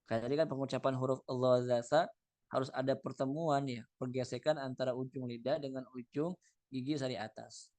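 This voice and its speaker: A man teaching a recitation class at an ordinary middle pitch. He reads Arabic lines and then unpacks them in a loose, conversational way, searching for words as he goes. The sound is dry, with no room echo. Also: steady tone, brisk, a little mellow. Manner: reads phrases in Arabic, then explains them casually with fillers. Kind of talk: explaining a text line by line.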